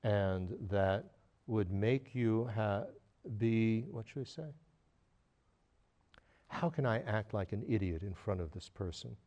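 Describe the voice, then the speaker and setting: A man giving a Buddhist teaching, talking in a loose, hesitant way with many pauses and fillers, often chuckling as he tells stories. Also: fairly low pitch, dark tone, muffled recording. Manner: storytelling with frequent chuckles. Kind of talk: dharma lecture.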